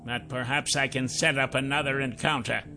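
A man voicing a sly, scheming male captor with a smooth, mocking manner in an audiobook. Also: mid-range voice, fairly even intonation, moderate pace, bright, forceful tone, soft background music, voice pushed up.

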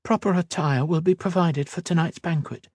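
A man voicing a nervous young servant woman in a fantasy audiobook, lifted high above his own low voice and kept soft and timid. She speaks with meek deference, in a close, dry read. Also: normal speed, dry recording.

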